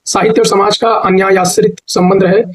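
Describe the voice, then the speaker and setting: Male teacher, high husky voice, patient step-by-step explainer for exam prep. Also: level tone, low-quality recording. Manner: explains step by step, repeats words slowly to spell them. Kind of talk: exam-prep grammar lesson.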